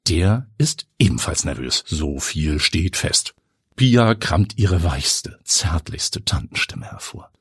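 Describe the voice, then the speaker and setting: A man reading a story aloud in a steady, lively narration. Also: a bass voice, slow pace, breathy edge, no echo, studio quality. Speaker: audiobook narrator. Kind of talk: scripted narration.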